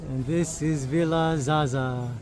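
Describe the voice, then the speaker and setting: A man's voice: fairly high pitch, fairly even intonation, measured pace. Upbeat man vlogging a beach walk. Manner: upbeat, joking asides. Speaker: travel vlogger. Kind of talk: casual walking tour narration. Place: outdoors on a beach. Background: music.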